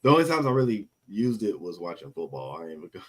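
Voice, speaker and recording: A man's voice: sits low, big pitch swings, fast talker, husky, poor audio. A man co-hosting a casual wrestling review show, often restarting and repeating words as he talks. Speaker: podcast co-host.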